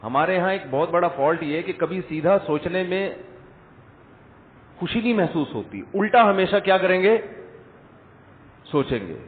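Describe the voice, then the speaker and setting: A man's voice: sits high, expressive, pauses often. A man giving a Friday sermon lecture, conversational, full of rhetorical questions and light jokes, recorded in a large echoing hall through the speaker system. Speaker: religious scholar. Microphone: speaker system mic. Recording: echoey hall over tinny lo-fi line.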